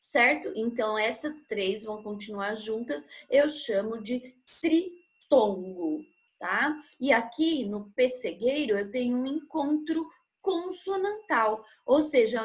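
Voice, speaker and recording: A woman teaching a grammar lesson, patiently explaining and checking in with short tag questions. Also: a little high.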